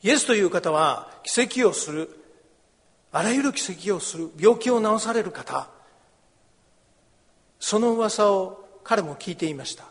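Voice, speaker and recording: A man's voice: sits high, lively intonation, a little slow, pauses often, big-room sound. A man preaching a sermon as a pastor, explaining a scripture passage and acting out the cries of the people in it. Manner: explains scripture, acts out the beggar's and crowd's cries.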